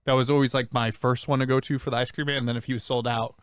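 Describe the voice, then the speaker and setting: Man, mid pitch, rambling casual chat, hesitant, dry sound. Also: level tone, racing, clear, resonant tone, no echo. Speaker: podcast co-host.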